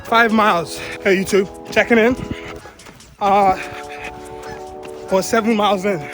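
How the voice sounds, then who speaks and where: Runner vlogger, breathless, high and slow, loud music bed behind. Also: male voice, fairly even intonation. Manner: upbeat, brief progress updates while jogging. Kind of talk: running vlog check-ins. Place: outdoors on a run.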